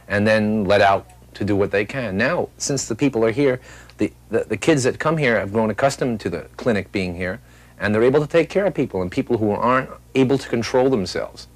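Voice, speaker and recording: Male interviewee, low voice, dry recording. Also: a little fast, no room sound. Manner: plain, repetitive with restarts.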